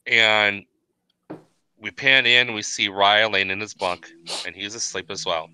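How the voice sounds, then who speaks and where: A man narrates a tabletop game as its game master, his voice bright and cutting. His delivery is smooth and crisp. He repeats words as he sets each scene. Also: fairly low pitch, steady tone, a little slow.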